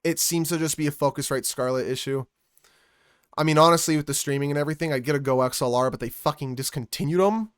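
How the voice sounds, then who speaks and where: A man's voice: a little high, quick pace, smooth, no room sound. A man chatting casually on his stream at home into a music microphone, rambling and trailing off mid-thought. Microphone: studio music microphone.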